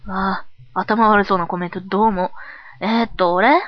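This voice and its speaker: A woman's voice: mid-range voice, steady tone, normal speed, dull audio, pitched below the performer's own voice, lightly acted. A woman in her twenties voicing a cool, blunt, tomboyish alter ego with curt, teasing speech. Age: 20s.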